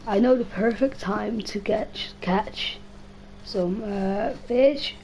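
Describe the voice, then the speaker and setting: A young woman livestreams a game, rambling casually in slang, swearing and talking to herself in a strained, worn-out voice. She speaks slowly at medium pitch with a darkish tone, over a low-quality recording with a little hiss or hum.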